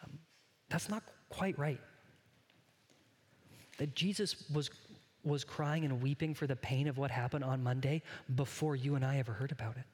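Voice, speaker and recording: A mid-range male voice moves at a moderate pace with frequent pauses, resonating through a big room. This pastor's sermon is earnest and conversational, and he often speaks directly to his congregation.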